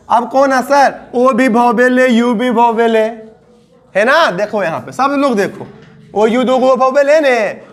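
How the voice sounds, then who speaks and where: A man with a Bihari Hindi accent leads a grammar lesson in a high, lively voice that swoops up and drops low. He talks slowly and coaxes his students, repeating each point and stretching out the word endings. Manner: coaxing, repetitive teaching with drawn-out word endings. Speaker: English grammar teacher.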